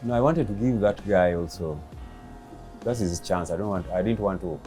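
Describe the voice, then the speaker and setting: A man in his fifties with a very deep, low voice answers interview questions, pausing often and filling gaps. A clear music bed runs beneath his words. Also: mellow. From Kenya. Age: 50s. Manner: halting, many pauses and fillers. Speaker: interviewee, father of the late comedian.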